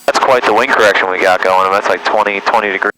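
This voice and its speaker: A male flight instructor with a low voice gives casual, fast-paced instruction in a small aircraft cockpit during flight, his intonation fairly even. He's heard through an aviation headset intercom, with engine drone making it noisy.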